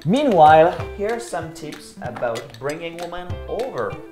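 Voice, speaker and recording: A man's voice: a little high, big pitch swings, normal speed, mellow, roomy sound, soft background music. Laid-back, teasing young man. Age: young adult. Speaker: sidekick friend. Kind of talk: comedic banter. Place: home kitchen, indoors.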